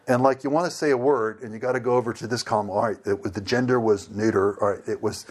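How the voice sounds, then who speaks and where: Talking fast in a lowish voice, an American man tells a funny story in a casual, animated way. He plays both parts of the dialogue himself and laughs as he goes.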